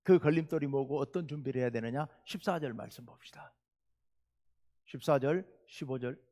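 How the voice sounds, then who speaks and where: Animated male pastor preaching in a reverberant hall. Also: mid-range voice, moderate pace. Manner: animated storytelling, swinging from loud outbursts to quiet asides. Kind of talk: sermon. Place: church sanctuary.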